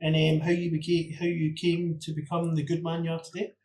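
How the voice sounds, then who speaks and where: Man, high voice, animated podcast host, chatty, roomy echo. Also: fairly quick, a little hiss or hum. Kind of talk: casual podcast conversation.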